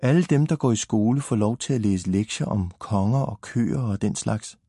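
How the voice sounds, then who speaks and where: A man's voice: on the low side, mellow, slightly rough, dry recording, clean studio sound. A man doing a proud little know-it-all girl. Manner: proud, explaining.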